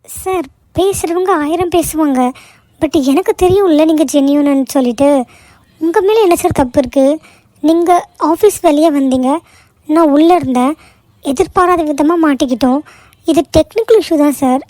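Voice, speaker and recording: Gentle young office worker, voiced by a woman, cartoon: high voice, soothing and patient. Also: normal speed, long pauses, no room sound, close to an everyday voice. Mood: reassuring. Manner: soothing, patient, warmly persuasive. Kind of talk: cartoon voice acting.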